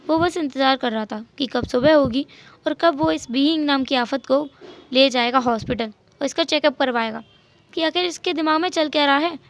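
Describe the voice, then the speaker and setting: A woman narrating a fan story in a lively retelling with English words mixed in. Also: high voice, normal speed, dry recording.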